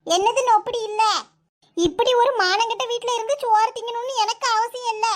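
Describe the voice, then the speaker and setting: Speaking with a Kanyakumari Tamil accent, a woman voices a nagging, sarcastic mother-in-law, old, proud, and sharp-tongued, for a comic cartoon. The pitch is extremely high and the tone steady, delivered fairly quickly in a scolding mood.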